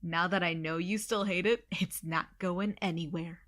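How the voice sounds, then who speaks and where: This young American woman's natural, lowish voice holds a steady tone and moderate pace, still fairly bright. She gives a naturalistic audio drama performance as a cocky best friend who teases irreverently and playfully.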